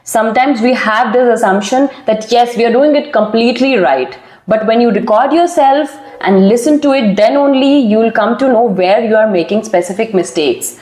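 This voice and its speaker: Slow, careful woman teaching pronunciation. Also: on the high side, darkish tone, echoey room. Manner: switches between slow careful English and quick Hindi explanation; drills tongue twisters slowly and repeatedly. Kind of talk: pronunciation lesson mixing Hindi and English.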